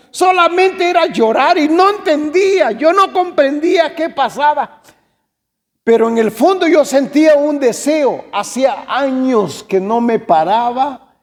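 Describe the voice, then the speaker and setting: A man preaches his own testimony in a high voice. He swings between loud, emotional passages and hushed ones. The voice trails off in a long hall reverb. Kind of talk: sermon testimony.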